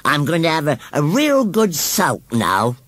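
A sulky, drawling rustic scarecrow. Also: male voice, on the high side, wildly swooping pitch, fairly bright tone, dry recording, pitched above the performer's own voice, heavily acted. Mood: indignant. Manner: slow drawl, wheezy chuckling. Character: touchy, sulky old male scarecrow, rustic.

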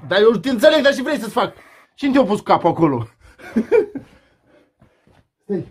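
A man in an amateur comedy sketch, loudly bossing someone around and often bursting into laughter, outdoors in a rural yard. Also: high voice, very animated, breathy edge. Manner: loud, bossy, laughing.

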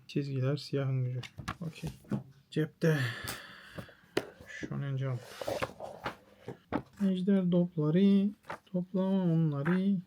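A man's voice: medium pitch, gravelly, background noise. A man, a manga artist, thinks aloud while browsing pages, musing in short, clipped verdicts.

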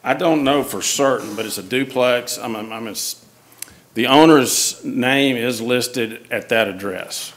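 A man's voice: medium pitch, a little slow, fairly bright tone. A city official, a man, reporting on properties to a council in a plain, hesitant way with many fillers. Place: council chamber.

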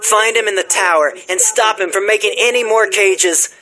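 A man's voice: high voice, normal speed, bright, forceful tone. A man playing an earnest, helpful young townsman in scripted fantasy game dialogue, speaking formally and expressively. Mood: earnest, concerned. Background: game music.

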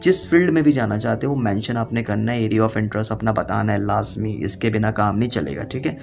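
A man's voice: on the low side, brisk, gravelly, darkish tone, faint music behind. A man giving a voice-over walkthrough, urging and reassuring viewers and repeating steps. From Pakistan. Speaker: job-info YouTuber. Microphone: voice-over, not recorded on site.

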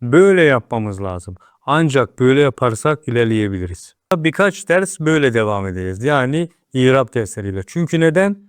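A man's voice: mid-range voice, sing-song, a little fast, few pauses, smooth, no echo, studio quality. A man teaching an Arabic grammar lesson, asking questions and then answering them himself.

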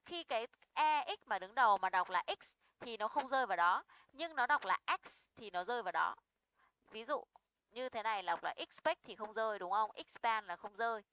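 A woman's voice: on the high side, animated, a little fast, sharp tone, no echo, rough recording. A young woman teaching an English pronunciation lesson. She is patient and often checks in with her students.

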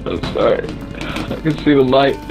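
A man's voice: medium pitch, lightly acted. A man voicing a sorrowful, melodramatic dying soldier, pleading in improvised video game role-play. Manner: pleading, drawn-out. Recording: dull game chat under loud music.

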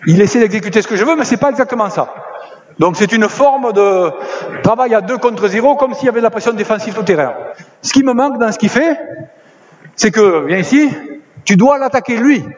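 A man coaching basketball players on court, directing drills with quick commands and encouragement. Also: sits high, lively intonation. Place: indoor basketball gym. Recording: slightly dull lo-fi sound with faint noise.

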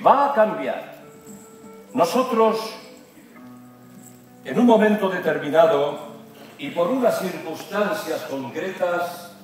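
A man's fairly high voice rings through a big auditorium, picked up from a distance. He delivers a political speech like an epic narrator, slow and solemn, with dramatic pauses. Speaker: speaker at a political rally. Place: large dark auditorium with a seated audience. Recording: echoey hall from far off, music behind. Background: music.

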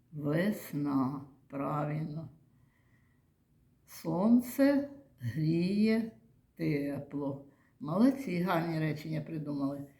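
Slow, patient woman teaching small children. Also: low voice, a little mellow. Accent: Ukrainian. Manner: slow, patient, drawn-out sing-song speech, answers her own questions. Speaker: kindergarten teacher. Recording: echoey room.

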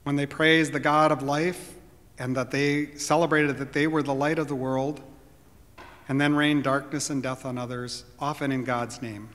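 A man's voice: mid-range voice, level tone, moderate pace. Older male pastor preaching in a reverberant church. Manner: earnest, reflective preaching with occasional soft laughs. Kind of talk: sermon. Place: church sanctuary, at a wooden pulpit. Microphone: pulpit microphone.

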